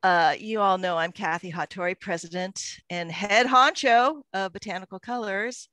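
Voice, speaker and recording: A woman's voice: mid-range voice, a bit bright, no room sound. A woman hosting an online show over a video call, upbeat and playful. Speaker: host.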